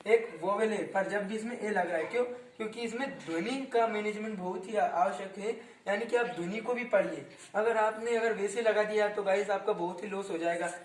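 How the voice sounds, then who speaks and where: Young guy teaching grammar, high voice, sounds far off in an echoey room, keeps quizzing the class. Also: a little fast, few pauses, a little hiss or hum. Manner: repeats words, asks students questions; frequent self-corrections. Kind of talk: grammar lesson explained in Hindi. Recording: roomy echo, distant from mic.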